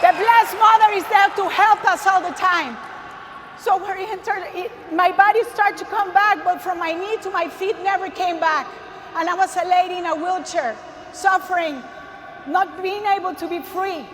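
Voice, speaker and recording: With a very high-pitched, fairly bright voice at a moderate pace, a woman from Costa Rica gives an emphatic faith testimony on a large arena stage, calling out to the crowd in her Costa Rican Spanish accent. Slight background noise mixes with long hall reverb and faint ambience.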